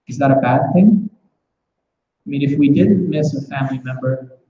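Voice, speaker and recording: A man leads a scripture class through questions in a temple classroom, his medium-pitched voice a little slow. He speaks reflectively and frequently restarts by repeating words, captured in an echoey, muffled recording with slight background noise.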